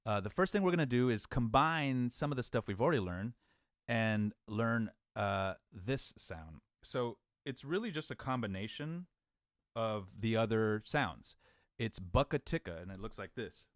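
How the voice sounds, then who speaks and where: A man's voice: lowish voice, lively intonation, a little slow, dry recording. A man leads a beatbox lesson, his voice rising and falling a lot as he explains. He counts the class in and cheers them on. The sound is dry and close, with no room around it. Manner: encouraging, counts students in and demonstrates beatbox sounds. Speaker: beatbox teacher. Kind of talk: online class instruction.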